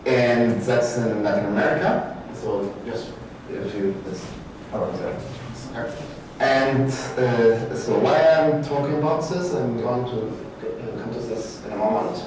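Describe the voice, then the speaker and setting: A middle-aged man giving a conference presentation in halting English, searching for words and correcting himself. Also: mid-range voice. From Peru. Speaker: guest speaker, art faculty lecturer. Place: large brick-walled event room, indoors. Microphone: far room camera, no mic. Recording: very echoey room, distant mic, background noise.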